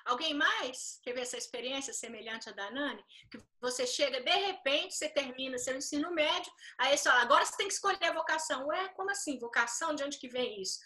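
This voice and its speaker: Woman, group discussion leader, bright, animated, rhetorical. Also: high-pitched, a little fast, few pauses. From Belo Horizonte, Brazil. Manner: animated, rhetorical questions, frequent "né". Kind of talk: casual faith-based group discussion.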